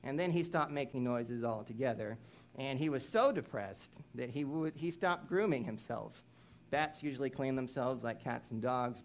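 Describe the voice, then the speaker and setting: A young adult man preaching a sermon in a conversational, animated way, telling a story and mimicking animal sounds. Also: mid-range voice.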